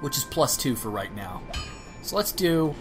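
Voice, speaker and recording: A woman's voice: rumbling low, very animated, a little slow, over music. A woman giving gameplay commentary, ranting and swearing at herself and the game as she plays. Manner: profane, ranting, talks to herself. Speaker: let's play gamer.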